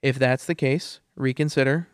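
Clear-voiced man, casual podcast host. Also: medium pitch, steady tone, normal speed, no echo, studio quality. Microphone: close podcast microphone into a mixer.

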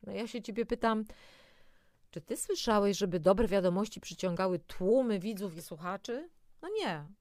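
This self-help presenter speaks in an animated, slightly mellow mid-range voice at a moderate pace, encouraging the listener directly. Her talk mixes scripted lines with off-the-cuff asides, captured as a dry, clean studio recording.

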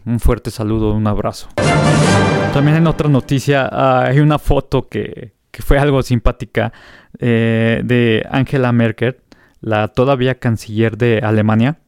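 A man's voice: medium pitch, a little mellow, clean tone, no echo, studio quality. A Mexican man hosting a casual comic news show, chatty and hesitant with frequent fillers.

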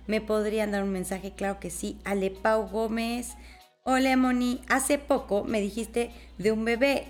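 A woman with a Mexican accent hosting a live stream, greeting viewers warmly and explaining angel messages in a chatty, affectionate way with everyday examples. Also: fairly high pitch, fairly even intonation, a little slow, faint music behind. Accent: Mexican Spanish. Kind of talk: casual live stream with spiritual guidance.

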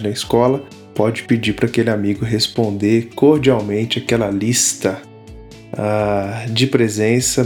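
A man teaching a Bible study series, explaining step by step and often pausing to restart. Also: medium pitch, darkish tone. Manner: explanatory, frequent fillers and restarts.

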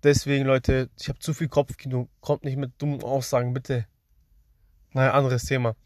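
A man's voice: medium pitch, flat delivery, moderate pace, no echo. A young man casually tells his dreams to his viewers, rambling in slang and often addressing them directly, close to the mic. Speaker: streamer.

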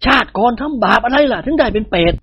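A narrator putting on a gruff older nobleman, scolding and unafraid, husky, dry dull sound. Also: mid-range voice, fast talker, a bit bright, dry recording, pitched above the performer's own voice.

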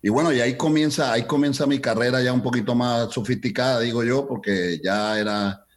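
A man in his sixties from Colombia, a guest telling lively anecdotes in an interview and mixing Spanish and English as he acts out dialogue. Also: medium pitch, brisk. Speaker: guest, entertainment entrepreneur. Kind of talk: storytelling in a conversational interview.

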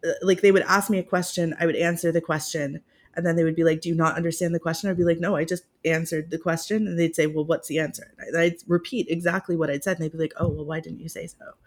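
In a relaxed conversational interview, a native English-speaking Russian literature professor talks about her work with self-deprecating humor and occasional laughter. Her low-pitched voice is fast, with fairly even intonation.

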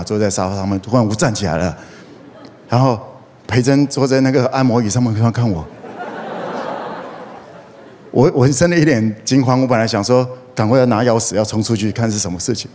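Male pastor, middle-aged, lively storytelling sermon with call-and-response, long church-hall reverb, faint room noise. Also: medium pitch, fairly quick. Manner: animated, draws call-and-response from the congregation.

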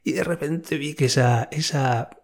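A man's voice: fairly high pitch, a little slow. A man hosting a casual podcast monologue in a chatty way, laughing often and swearing freely. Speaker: podcast host.

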